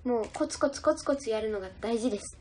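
A woman's voice: fairly high pitch, fast, background noise. A young woman idol chatting casually on a livestream, giggling as she reads out and answers viewer comments. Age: young adult.

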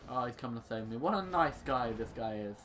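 A young gaming video host delivers casual, rambling gameplay commentary, exasperated and full of joking complaints and mild swearing. His medium-pitched voice is expressive, fairly quick, and fairly bright. There is a little hiss or hum, and video game action sounds play clearly behind his voice.

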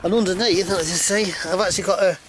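Middle-aged male hiker-vlogger, high voice, chatty and exclamatory, recorded at arm's length outdoors with heavy wind noise. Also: fairly even intonation, fast. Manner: chatty, exclaiming, laughing asides. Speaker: hiking vlogger. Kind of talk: casual outdoor vlog chat. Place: windy open hilltop outdoors. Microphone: handheld camera at arm's length. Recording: loud wind buffeting the mic.

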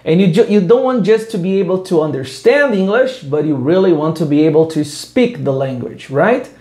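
A man's voice: on the high side, expressive, moderate pace, warm tone, reverberant. A man teaching an English lesson, moving between English and Portuguese in an upbeat, direct way. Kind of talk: video lesson.

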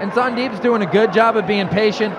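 High-voiced male fight analyst. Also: a little fast, very noisy. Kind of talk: live MMA colour commentary, analytical. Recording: live arena broadcast, crowd and music behind.

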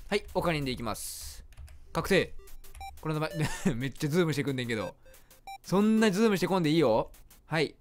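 A man's voice: a little high, lively intonation, quick pace, pauses often, faint music behind. A man with a Kansai accent playing a game, narrating the story and joking at the screen as he plays. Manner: playful, reacts aloud and jokes at the screen. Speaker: game streamer. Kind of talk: let's play commentary with storybook narration.

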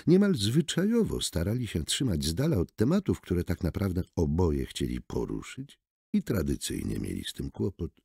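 Casual: deep husky dude reading a novel, dark tone, loads of pitch swing. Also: male voice, moderate pace, dry recording, clean studio sound. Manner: expressive, theatrical reading. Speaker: audiobook narrator. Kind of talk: scripted narration. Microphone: close studio mic.

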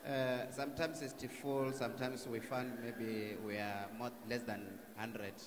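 A middle-aged man answering questions at church in slow, hesitant, soft replies into a held mic. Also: mid-range voice, fairly even intonation, background noise. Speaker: apostle, husband being questioned. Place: large church hall. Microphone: handheld mic held by another.

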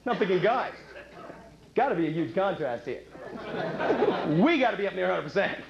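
High, animated male stand-up comic, chatty and teasing the crowd; muffled, echoey club recording with loud noise. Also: normal speed, gravelly. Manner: chatty, teasing the crowd with rhetorical questions, laughing at his own jokes. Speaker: stand-up comedian. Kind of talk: stand-up comedy routine.

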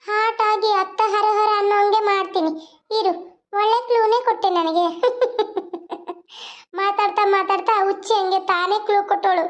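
A woman's voice: very high voice, level tone, a little fast. A woman voicing a scheming, spiteful young woman in a cartoon, with a sneering, taunting manner. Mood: gloating. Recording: dull lo-fi.

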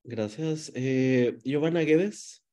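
A man in his forties hosting an online journalism workshop from a room at home, speaking in a measured way with many hesitations. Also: mid-range voice, warm tone. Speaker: workshop moderator. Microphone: video call.

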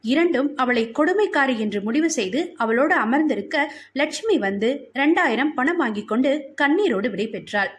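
A woman reads a novel aloud in an even, measured way. Her voice sits high and clear as she carries the narration along steadily. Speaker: audiobook narrator.

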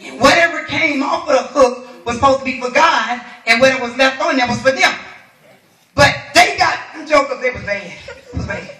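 A woman minister preaching a sermon in a church, animated and colloquial, laughing as she talks and trading call-and-response with the congregation. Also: sits high, a little fast. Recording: echoey room from far off.

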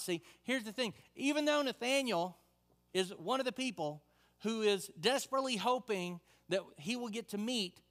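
A man's voice: high-pitched, fairly bright tone. A male pastor preaching a sermon in a conversational way, reading scripture and adding asides.

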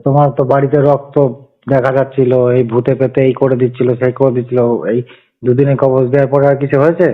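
A man's voice: medium pitch, level tone. A man on a phone call as a tantric healer, talking in a pushy, insistent way. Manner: pushy, insistent, fast talker. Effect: heard over a phone line.

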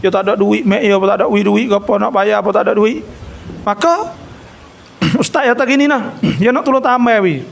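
Animated Kelantan Malay storyteller man. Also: sits high, fairly quick, vocal fry, a little hiss or hum. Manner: animated storyteller, acts out dialogue. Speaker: religious lecturer. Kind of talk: storytelling religious talk.

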